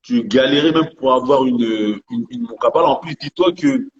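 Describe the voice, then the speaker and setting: A man from Gabon hosting a casual live debate, measured and handing the floor to others. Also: medium pitch, slightly rough, dull audio.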